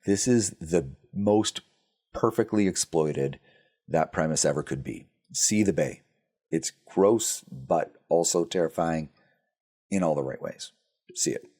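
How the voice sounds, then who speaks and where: A man with a very low voice running through quick film reviews. He talks casually, with plenty of ums, restarts and dry sarcasm. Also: animated, warm tone, husky. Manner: blunt, sarcastic, with frequent fillers and restarts. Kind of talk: casual spoken movie reviews.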